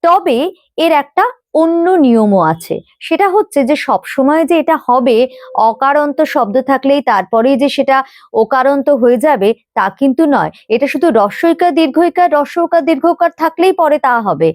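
A woman's voice: sits high, lively intonation, normal speed, darkish tone, no room sound, studio quality. A woman teaching a pronunciation lesson, explaining patiently, spelling out letters and repeating example words.

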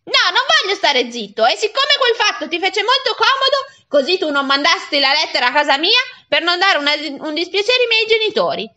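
A woman reading aloud and voicing a defiant young boy who protests loudly and emphatically. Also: extremely high pitch, big pitch swings, fairly quick, few pauses, pitched above the performer's own voice, heavily acted. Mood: indignant.

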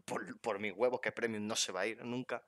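A young adult man from Spain hosts a casual podcast from his bedroom streaming setup, talking into a headset with a Spanish accent and joking around with his guest. His voice is fairly low, steady and a bit bright, at a moderate pace, and the sound is clean and studio-like with no echo.

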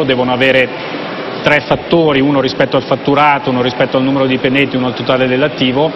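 A man in his thirties, a professor, giving measured expert answers. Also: medium pitch. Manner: measured, explanatory. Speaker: professor, interview guest. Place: convention hall TV set, indoors. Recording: muffled broadcast audio with background noise.

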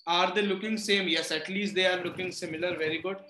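A high-pitched male teacher with a North Indian accent speaks in a room with noticeable echo. He leads the lesson interactively, slipping Hindi phrases into English and repeatedly asking short questions to check understanding. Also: fairly even intonation, fairly quick, bright, forceful tone, a little hiss or hum. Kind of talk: interactive online reasoning lesson. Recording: roomy echo on the voice.

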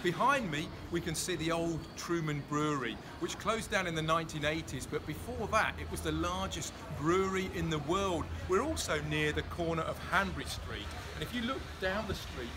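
A man in his forties leads a walking tour on busy city streets, his fairly high, expressive voice moving at a moderate pace with hardly any pauses. He enthusiastically explains and points out sights in casual on-location narration, filming on a handheld phone held close to his face, with street traffic noise behind him.

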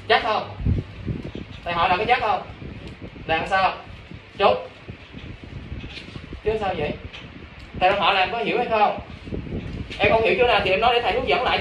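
High-voiced male teacher in an echoey classroom. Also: a bit bright. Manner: coaxing, repeatedly checks understanding. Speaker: English teacher. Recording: roomy, distant classroom recording with noise.

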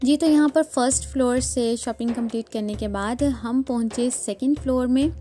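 Vlogger woman, calm explanatory voice-over, warm tone, light background music. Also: a little high, moderate pace. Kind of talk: shopping vlog voice-over.

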